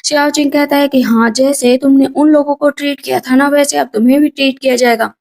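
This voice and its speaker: High-voiced woman recapping a drama. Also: fairly even intonation, creaky, darkish tone. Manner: quick conversational retelling with filler phrases. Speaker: movie recap narrator. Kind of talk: casual drama recap narration.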